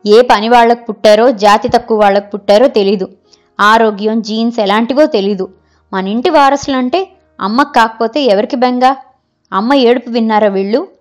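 A fiery, tradition-bound older sister, put on by a woman reading the story fires off indignant questions. Her tone is scornful and heated, sitting slightly high. Faint music runs underneath. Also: normal speed, natural voice. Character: angry orthodox older sister, sharp-tongued.

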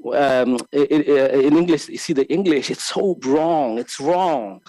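Speaking slowly in a mellow voice pitched slightly above the typical man's, a filmmaker from Lesotho delivers a reflective master-class lecture. He hesitates, repeats words and restarts frequently while hunting for the right phrasing, gesturing with his hands. He talks into a desk microphone on a stand in a large, bright hall with tall windows.

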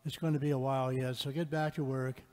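A priest chanting and then preaching a homily in a relaxed way with fillers, his voice ringing with a long church reverb. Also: mid-range voice, fast. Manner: conversational preaching with frequent fillers. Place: large church.

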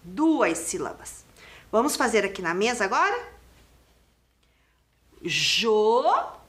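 A woman's voice: mid-range voice, sing-song, fairly bright tone. A woman teaching young children on an educational TV lesson, asking questions and guiding them step by step. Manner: slow, sing-song, questioning children at home. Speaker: primary school teacher. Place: TV studio classroom.

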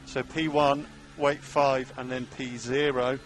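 A man's voice: mid-range voice, little pitch movement, takes it slowly. A man giving instructions as a race engineer over team radio, repeating key information. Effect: team radio transmission.

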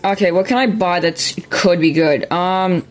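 Young man, high voice, casual gaming chatter, easily confused, keyboard typing in the background. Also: a little slow. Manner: chatty, easily puzzled, laughing along. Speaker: gaming video host. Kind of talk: casual gameplay commentary.

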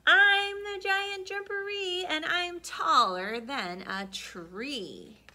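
Woman booming as the giant Jumperee. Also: bright, forceful tone, full character voice. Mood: booming threat. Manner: booming, slow drawn-out threats. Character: boastful hidden giant creature, loud and menacing.

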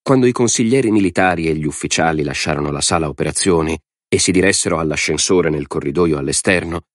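A man reads an audiobook in a measured, dramatic manner. His voice sits very deep, and the studio sound is dry and close, with no room around it. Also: dry recording. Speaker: audiobook narrator. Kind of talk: scripted narration.

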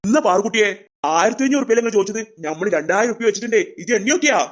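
Brisk, coaxing performer for a family comedy skit, mid-pitched. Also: lively intonation.

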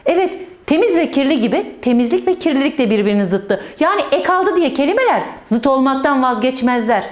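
A woman's voice: high-pitched, very animated, fairly quick, roomy sound. A woman teaching children in a playful storytelling way, joking with the pupils and stressing words in a sing-song manner. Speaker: primary school teacher.

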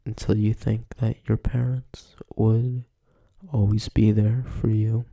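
A despairing, withdrawn young man, as a man acts it out, his dark, gravelly voice barely moving in pitch. He confesses slowly and haltingly, pausing to sigh. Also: little pitch movement, full character voice. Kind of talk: film monologue.

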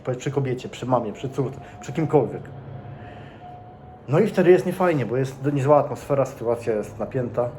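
A man's voice: mid-range voice, warm tone. A young man giving earnest, casual commentary to his viewers, speaking to them directly and repeating points for emphasis. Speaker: vlogger.

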